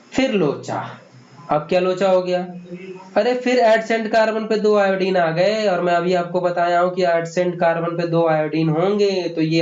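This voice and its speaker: High-voiced man teaching chemistry, echoey room. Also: a little mellow, a little hiss or hum. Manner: asks questions and answers them himself, calls students "beta". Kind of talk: exam-prep lecture. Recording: echoey room, dull lo-fi sound.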